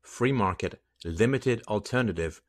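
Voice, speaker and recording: A man's voice: lively intonation, unhurried. A man in his fifties delivering an angry, sarcastic, profane solo rant on a headset mic in a small room. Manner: angry, sarcastic, profane, swings from low mutters to loud outbursts. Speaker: podcast host. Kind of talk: impassioned solo rant to camera. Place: small indoor room with plain wall.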